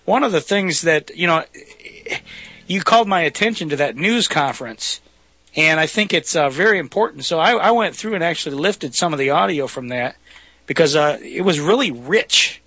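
A man's voice: a little high, lively intonation, normal speed, bright, forceful tone, no room sound. A man hosting a talk show in a casual, folksy, discursive way.

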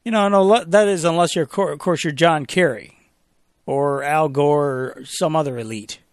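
A man's voice: a little high, moderate pace, dry recording, studio quality. A man hosting a talk radio show, reading official statements aloud and breaking in with sarcastic, mocking commentary. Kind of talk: opinionated talk radio monologue.

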